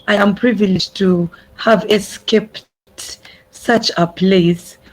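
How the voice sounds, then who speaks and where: Young adult, earnest speech, repeats phrases, mid pitch, video call audio. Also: low-quality recording. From Uganda. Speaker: youth speaker. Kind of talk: prepared speech at an online summit.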